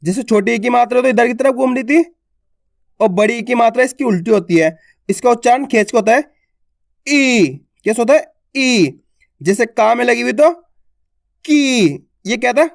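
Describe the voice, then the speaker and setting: A man's voice: extremely high pitch, normal speed, creaky, no echo, studio quality. A man teaching an online lesson on Hindi letters, asking questions and answering them, and stretching out the vowel sounds as he repeats them.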